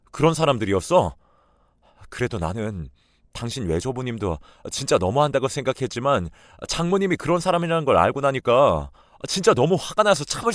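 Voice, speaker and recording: A man's voice: medium pitch, no room sound, clean studio sound, pitched above the performer's own voice, natural voice. A man playing a furious husband. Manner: angry outbursts. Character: normally gentle husband, now furious.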